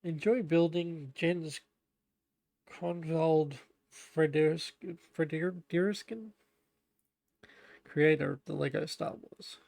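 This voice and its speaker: A man's voice: fairly high pitch, fairly even intonation, takes it slowly, vocal fry, pauses often, darkish tone, dry recording. A young man chatting casually while building on a live stream, stumbling as he reads the manual aloud. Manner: chatty, self-deprecating, stumbles over reading. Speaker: livestreamer building a Lego set.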